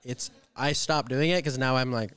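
A podcast host chats casually in a clean, slightly bright mid-range voice at a moderate pace. He rambles, leaning heavily on "like" and other fillers and restarting often.

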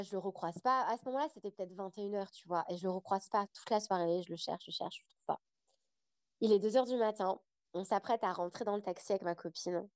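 A young woman speaks as a podcast guest, recounting a travel story in a loose, animated conversational flow full of small hesitations. Her voice sits at an ordinary middle pitch. The sound is dry and close, with no room echo. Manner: chatty, animated storytelling with frequent fillers. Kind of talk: casual storytelling interview.

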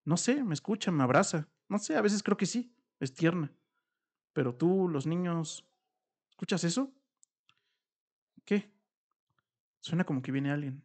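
A man with a Mexican Spanish accent retells a horror story in casual podcast chat. His voice sits a bit high, and he slips in and out of the characters' quarrel with slang-heavy, animated delivery. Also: unhurried, pauses often. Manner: slangy, animated retelling, acting out quoted dialogue. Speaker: podcast host.

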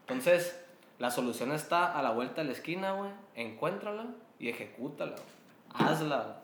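A man's voice: on the high side, animated, normal speed, a bit bright, roomy sound. A man with a Mexican Spanish accent, a guest telling a story in a casual chat over beers, slangy and laughing often. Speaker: guest entrepreneur.

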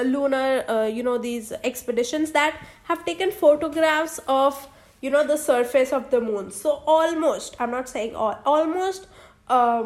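Rambling young woman podcaster, slightly high. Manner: rambling, many fillers and restarts. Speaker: podcast host. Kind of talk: casual solo podcast monologue.

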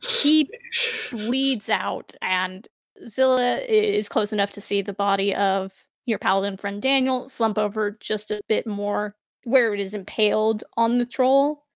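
A woman running a tabletop fantasy game as game master, narrating scenes in a measured, dramatic way. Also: mid-range voice, dry recording.

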